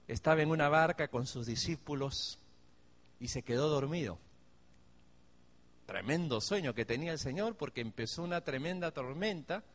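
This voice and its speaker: A man preaching a sermon, speaking directly to his congregation and acting out the pleas of worried believers. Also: on the high side. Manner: acts out pleading believers in raised voice. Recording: long hall reverb.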